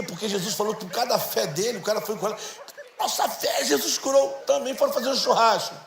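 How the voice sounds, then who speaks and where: A middle-aged man, telling stories in a church sermon and acting out the dialogue in a lively, slangy way. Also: sits high, creaky. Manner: animated, slangy, acts out dialogue. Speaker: guest preacher. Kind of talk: storytelling sermon. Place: church hall. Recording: echoey church hall, faint noise.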